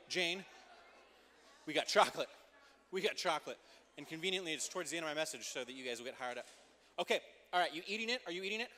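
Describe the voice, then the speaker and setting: Youth pastor guy preaching, kinda high voice, big reverby hall, joking with the kids. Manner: energetic, playful asides to teens. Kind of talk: youth group sermon.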